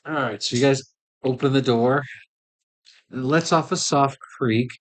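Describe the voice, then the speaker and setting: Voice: mid-range voice, measured pace. A game master narrating a tabletop role-playing game, describing scenes and putting choices to the players. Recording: livestream group game session.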